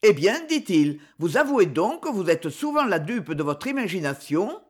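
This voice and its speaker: A woman reading a storybook voices an earnest, proud gentleman suitor, speaking tenderly in her own voice. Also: on the low side, big pitch swings, moderate pace, breathy edge.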